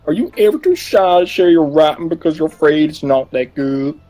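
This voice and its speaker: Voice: mid-range voice, expressive, brisk, warm tone, faint music behind, close to an everyday voice. A player reading aloud the lines of a cheerful teenage girl club president from a visual novel. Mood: musing.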